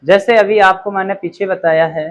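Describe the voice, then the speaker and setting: Speaking at a high pitch in a steady tone, a man walks through a grammar lesson at a slow pace. Example sentences are read very clearly, each point closes with an "okay," and the recording quality is rough.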